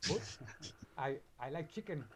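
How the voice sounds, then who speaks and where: A man from Spain, a guest speaking simple, halting English in short phrases. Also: fairly high pitch, expressive. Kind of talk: casual interview chat.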